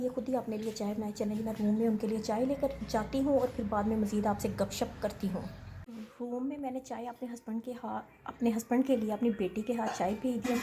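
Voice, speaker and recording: A woman's voice: on the high side, dark tone, rough recording. A woman, chatting casually to viewers in a home vlog, politely addressing them as she cooks. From Pakistan. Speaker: family vlogger and mother. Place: home kitchen and bedroom, indoors. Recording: household background noise.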